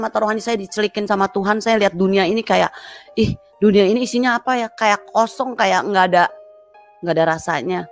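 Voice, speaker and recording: A woman tells her personal testimony, drifting and emotional, acting out what people said. Her voice is gravelly with a lot of fry, at a middling pitch. Soft instrumental music plays faintly beneath her. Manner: rambling, emotional storytelling with quoted dialogue. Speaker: testimony speaker.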